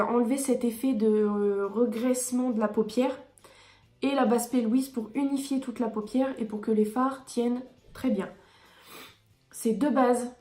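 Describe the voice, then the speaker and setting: A woman's voice: on the high side, dark tone, reverberant. A woman beauty vlogger reviewing her favourite products in a chatty, enthusiastic way with frequent hesitations.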